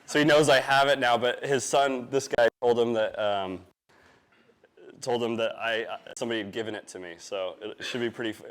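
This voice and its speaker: A young man from Norway, raised in Arizona, talking casually over slides about his motorcycle shop, halting and full of fillers. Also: mid-range voice, steady tone, a bit bright, smooth. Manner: halting, filler-heavy, laughs easily. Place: event space before a live audience.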